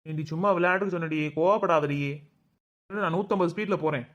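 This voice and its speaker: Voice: mid-range voice, fast, a bit bright, muffled recording, close to an everyday voice. A performer voicing a patient, henpecked village husband in a cartoon, pleading and placating in a Madurai Tamil accent. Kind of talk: cartoon voice acting.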